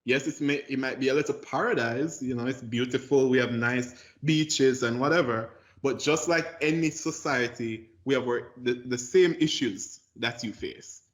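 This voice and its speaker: A young adult Jamaican man, a lawyer appearing as a guest, talks about his path in a casual interview with a Jamaican accent. He is earnest and a little cheeky, speaking at normal speed in a medium pitch with hardly any pauses.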